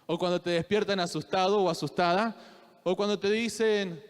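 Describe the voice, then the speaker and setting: A high-pitched young man with a Rioplatense Spanish accent preaches a sermon, speaking casually and directly to his congregation. He asks them questions and calls for responses, then rises into loud, fervent declarations. His voice carries through a hall with a long reverb. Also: fairly even intonation, normal speed, clean tone. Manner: voseo, questions to the congregation, builds to shouted fervor. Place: church.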